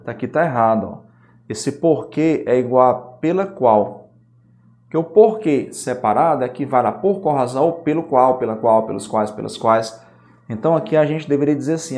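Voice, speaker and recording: A man's voice: mid-range voice, darkish tone. A middle-aged man with a Brazilian Portuguese accent explains grammar rules for an exam, checking in with his students often. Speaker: Portuguese teacher. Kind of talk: exam-prep grammar lesson.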